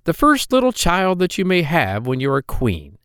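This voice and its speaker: A man doing a high sing-song little hobgoblin. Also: huge pitch swings, normal speed, fairly bright tone, clear, resonant tone, no echo, studio quality. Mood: wheedling. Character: droll little male hobgoblin dwarf, scheming.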